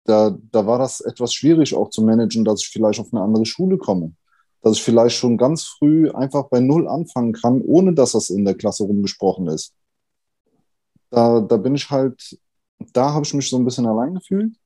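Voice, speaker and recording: Dark-voiced man in his thirties, halting. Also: medium pitch, animated, breathy edge. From Germany, Italian family. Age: 30s. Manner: halting, thoughtful, many fillers. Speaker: podcast guest. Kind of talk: candid conversation.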